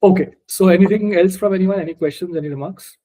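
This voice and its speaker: Talking fast in a high, mellow voice, an Indian-accented man whose mother tongue is Marathi goes through scripture word by word with a study group. The lesson is informal and explanatory, with questions along the way.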